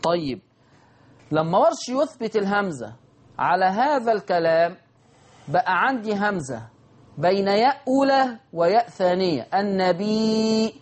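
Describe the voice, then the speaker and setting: A man with an Egyptian Arabic accent teaching Quran recitation rules, answering imagined student questions and chanting verses slowly. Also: high-pitched, sing-song. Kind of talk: televised recitation lesson.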